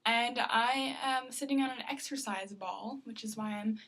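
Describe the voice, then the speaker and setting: Young woman, highish voice, casual vlog chat, informal, self-deprecating, hesitant, small bathroom, camera mic. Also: unhurried, fairly bright tone. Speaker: vlogger. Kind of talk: casual video blog chat.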